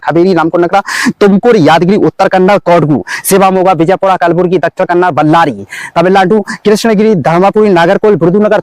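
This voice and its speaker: High-pitched young man rattling off a list. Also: darkish tone, no room sound, poor audio. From Madhya Pradesh, India. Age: young adult. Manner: breathless-paced rattling off of names, as if all in one breath. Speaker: memory record performer. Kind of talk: rapid memorised recitation of a list.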